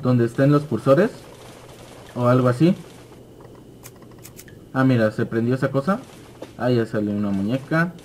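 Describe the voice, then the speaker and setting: A man's voice: mid-range voice, animated, unhurried, long pauses, a little mellow, a little hiss or hum. Jumpy young man playing a horror game. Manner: jumpy, yelps and swears at scares. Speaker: gaming channel host. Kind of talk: horror game let's play commentary.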